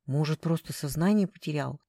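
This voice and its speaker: A woman voicing the heroine's practical young female friend, who speaks calmly and matter-of-factly. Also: deep voice, brisk, dry recording, clean studio sound.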